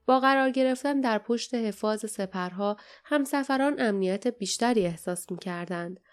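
A woman reading an audiobook as narrator, telling the story in a calm, even way. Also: on the high side, smooth. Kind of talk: scripted narration.

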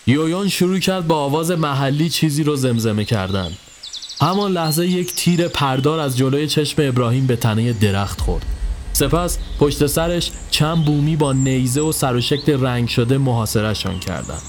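A man giving a scripted narration of a horror story in a steady storytelling voice. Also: slight background noise. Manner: steady storytelling, dropping low for tense moments. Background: faint music.

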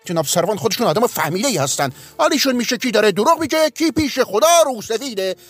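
A man voicing a shrill, indignant bitten man who pleads his case in a storybook reading. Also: expressive, no echo. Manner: shrill, protesting.

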